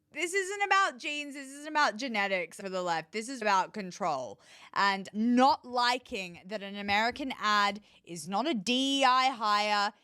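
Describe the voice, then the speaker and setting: A woman's voice: on the high side, fairly bright tone, no echo, clean studio sound. A woman hosting her own show, giving opinionated commentary with an emphatic, scornful tone and lots of rhetorical questions. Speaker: political commentary host.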